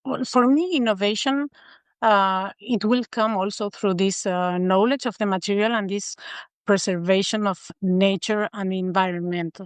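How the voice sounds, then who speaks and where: A woman's voice: medium pitch, steady tone, clear, resonant tone, no room sound. Spanish accent woman, guest on a podcast, thinks as she talks, lots of uh's, dry close sound. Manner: thoughtful, many filler pauses. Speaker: guest designer. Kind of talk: podcast interview.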